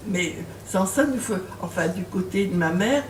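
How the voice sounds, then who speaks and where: In a bookshop interview with an audience, an older woman author talks at normal speed in a medium-pitched voice with lively intonation. She's hesitant, leans on fillers, and laughs while telling stories. The recording has a distant mic, roomy acoustics and faint noise.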